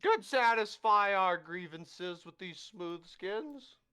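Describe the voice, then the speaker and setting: A man's voice: high voice, expressive, slow pace, pushed and bright, smooth, pitched above the performer's own voice, full character voice. A man voicing a group of nervous cat-folk tavern patrons who stammer and hesitate. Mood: grudging.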